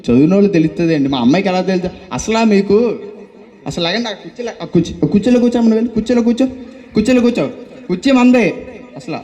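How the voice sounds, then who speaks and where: A man's voice: high voice, racing, dark tone, lightly acted. A man playing a blustering, self-important village president in a church skit, bossy and chuckling as he talks. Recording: roomy hall with a faint crowd.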